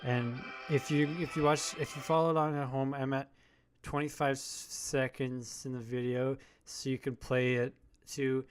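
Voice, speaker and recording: With soft music playing behind him, a man introduces his video in a hesitant, meandering monologue packed with fillers and false starts. His mid-range voice is clear and resonant, with little movement in pitch.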